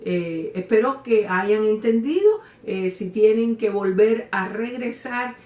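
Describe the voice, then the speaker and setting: A woman teacher explaining a text slowly, filling pauses with "eh" and checking in with "¿eh?". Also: medium pitch, lively intonation, a little mellow, distant mic. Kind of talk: explanatory literature lesson. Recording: roomy echo, voice away from mic.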